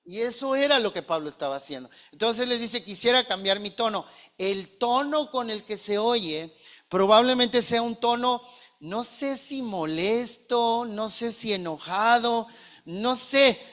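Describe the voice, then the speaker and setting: Pastor, male, bright forceful tone, earnest preaching style. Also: very high voice, lively intonation, a little slow. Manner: earnest, questioning, addresses listeners as brothers. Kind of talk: sermon.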